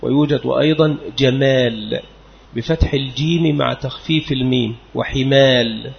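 Gravelly man spelling out names, lo-fi. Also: medium pitch. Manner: measured, spells out each letter and vowel. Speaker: teacher of hadith narrator names. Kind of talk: scholarly lesson on name spellings. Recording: lo-fi, dull recording.

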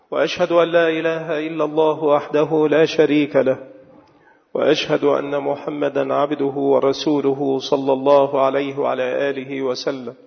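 Male preacher, measured dictating delivery, somewhat high, gravelly voice, echoing hall. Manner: measured, dictating slowly with repeated words for note-taking. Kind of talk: sermon. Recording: dull echoing hall sound.

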